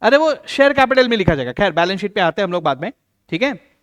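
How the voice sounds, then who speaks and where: A man teaching an accounts lesson, acting out teacher and student and slowing down to stress key rules. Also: sits high. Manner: lively, plays both teacher and student in little dialogues. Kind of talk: classroom lecture.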